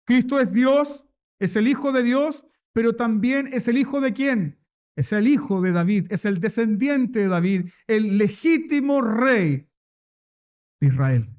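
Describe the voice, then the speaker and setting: A man's voice: very high voice, lively intonation, unhurried, darkish tone, lo-fi sound. A man preaching a sermon as pastor, emphatic, repeating key phrases and asking rhetorical questions. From Chile.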